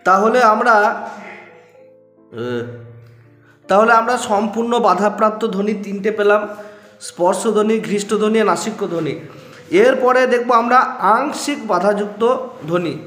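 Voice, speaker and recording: A man's voice: sits high, normal speed, long pauses, fairly bright tone. A man teaching a recorded grammar lesson, patiently explaining step by step and sounding out single letters for his students. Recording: echoey room with long reverb and faint music.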